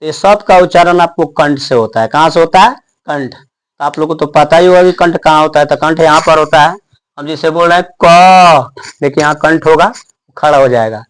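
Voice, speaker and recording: A young male teacher, giving a classroom lesson. He asks questions and answers them himself, and slows down to sound out each letter. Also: on the high side.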